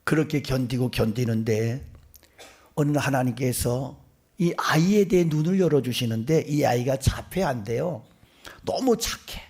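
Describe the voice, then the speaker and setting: Male pastor, middle-aged, husky gravelly sermon voice, dramatic whisper-to-shout delivery. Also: mid-range voice, moderate pace. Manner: animated storytelling, acting out voices, swinging between whispers and loud outbursts. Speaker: senior pastor.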